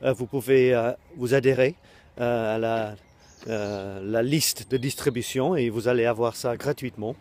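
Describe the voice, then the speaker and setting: A man's voice: mid-range voice, normal speed, darkish tone, slight background noise. A British man with an English accent, speaking in a casual direct-to-camera talk as an online course creator, hesitant, with many ums and restarts. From Britain.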